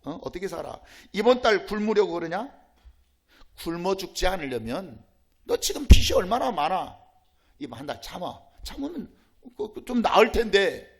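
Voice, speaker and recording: A man's voice: high-pitched, sing-song, moderate pace, creaky, husky, heavily acted. A pastor voicing a sly male devil who whispers coaxing, needling temptations during a sermon.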